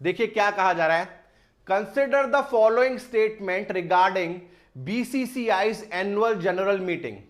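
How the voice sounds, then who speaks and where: A man teaching an exam-prep vocabulary lesson in Hindi mixed with English, drilling each word by asking and answering himself again and again. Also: high voice. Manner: drills words by repeated call and answer.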